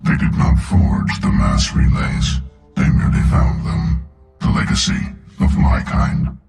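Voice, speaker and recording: In video game villain voice acting, a man plays an ancient, godlike sentient machine, an arrogant, menacing destroyer of organic life. At a measured pace and lightly acted, he delivers grandiose, cold, contemptuous declarations full of cold menace. The recording echoes, with loud music behind.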